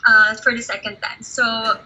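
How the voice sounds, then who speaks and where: A woman speaks as a pageant candidate, earnest and encouraging. Her voice is high, very bright and breathy. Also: level tone, a little slow, poor audio. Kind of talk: interview answer.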